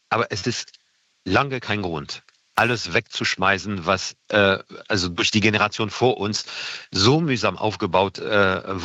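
A middle-aged man from France with a French accent, a guest in an interview, speaking earnestly and haltingly with many fillers. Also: on the low side, bright, forceful tone, no room sound. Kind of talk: radio interview. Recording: dull lo-fi sound.

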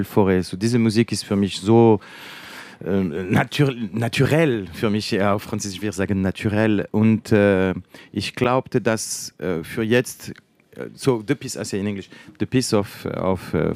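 A man with a French accent and a low voice talks as a guest conductor in an interview. He speaks earnestly and often pauses to search for the right word in a foreign language. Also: darkish tone, dry recording. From France. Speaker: orchestra conductor.

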